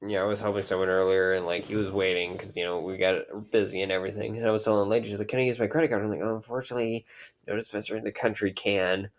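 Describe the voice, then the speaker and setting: Laid-back low-voiced man, rambling. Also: steady tone, racing. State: high. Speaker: podcast co-host. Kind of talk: casual chat.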